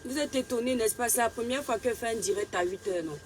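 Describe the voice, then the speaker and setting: A fairly high-pitched woman hosting a casual live stream, calling out viewer names one after another with affectionate greetings. Her voice comes through a phone or webcam mic, with a faint hiss of background noise. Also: fast.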